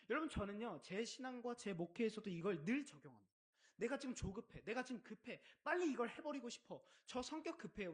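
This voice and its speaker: Energetic male preacher, storytelling sermon, animated pitch. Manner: lively storytelling, asks questions of the congregation. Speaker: pastor. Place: church service.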